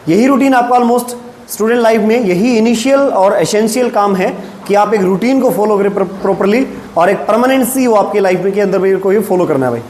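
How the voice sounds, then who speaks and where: A male English teacher, leading a classroom lesson and drilling short sentences slowly while asking students questions. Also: sits high, darkish tone. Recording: echoey classroom with faint room noise.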